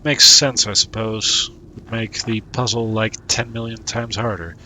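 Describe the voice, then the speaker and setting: A man's voice: lowish voice, fairly even intonation, a little slow, bright, forceful tone, slight background noise. A man streaming a puzzle game, thinking aloud in a casual, muttering way as he works through it. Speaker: gaming streamer. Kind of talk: casual let's-play commentary.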